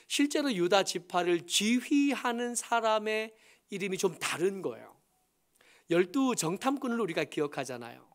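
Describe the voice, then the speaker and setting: Busan-accented male preacher, slightly high pitch, patient teaching delivery with hesitations and emphatic rises. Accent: Busan Gyeongsang. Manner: explanatory, many fillers, rises in emphasis. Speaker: pastor. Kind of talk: sermon.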